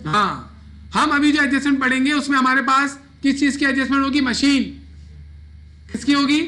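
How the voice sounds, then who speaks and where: A man's voice: very high-pitched, normal speed, pushed and bright. A man teaching an accounting class, asking his students questions and answering them himself. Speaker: accounting lecturer. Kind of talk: classroom lecture.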